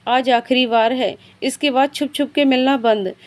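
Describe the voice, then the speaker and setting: A woman voicing a stern but loving father in a storybook tale, speaking with gruff, teasing fatherly lines. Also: sits high, steady tone, normal speed, close to an everyday voice.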